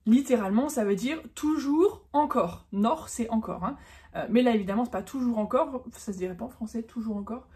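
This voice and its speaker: A German teacher gives a casual, chatty online lesson, correcting herself as she goes and drawing out the example words. Her voice is on the high side, a little mellow, and fairly quick.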